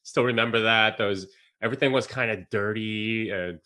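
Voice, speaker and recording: A man's voice: lowish voice, moderate pace, pushed and bright. A man from South Korea, a podcast guest, telling stories in a casual, rambling way with lots of fillers, restarts and laughs. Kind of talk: casual interview chat.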